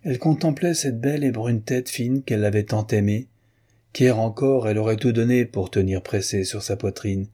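Low, dark husky male narrator. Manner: measured, literary. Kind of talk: audiobook narration of a novel.

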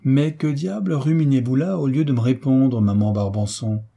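A man playing a gruff but good-humoured old retired sea captain who blusters and swears mildly. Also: medium pitch, moderate pace, warm tone. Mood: blustering.

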